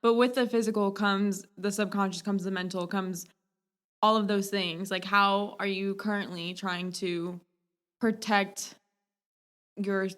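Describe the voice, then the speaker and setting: A woman's voice: mid-range voice, fairly even intonation, measured pace, fairly bright tone. A woman hosting a casual podcast interview, asking questions in a chatty way and sometimes losing her words. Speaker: podcast host.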